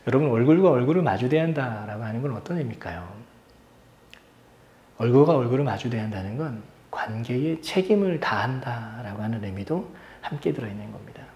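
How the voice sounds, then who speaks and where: A man's voice: mid-range voice, lively intonation, fairly quick, dull audio. Male pastor, 30s, sermon storyteller; plain mid voice, roomy church reverb. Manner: storytelling, acts out quoted voices softly and loudly. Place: church sanctuary.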